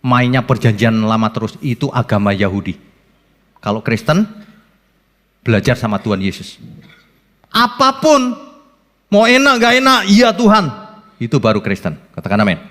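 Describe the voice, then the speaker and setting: A man preaching a sermon as pastor, animated, asking rhetorical questions and acting out quotes. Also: medium pitch, moderate pace, pauses often. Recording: long church reverb.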